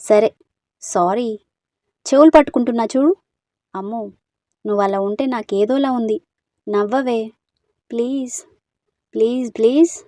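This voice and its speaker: Picture a woman reading the part of a young village man with a quick temper and a soft heart, fussing and coaxing in a fairly high voice. The reading is dry and close, with no room around it. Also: no room sound, lightly acted. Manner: scolding then coaxing.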